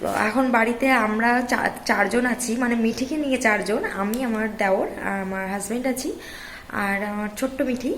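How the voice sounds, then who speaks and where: A hoarse woman with a cold, chatting casually in a home vlog and starting many sentences with "so". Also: on the high side, fairly quick, fairly bright tone, slight background noise, low-quality recording. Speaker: vlogger.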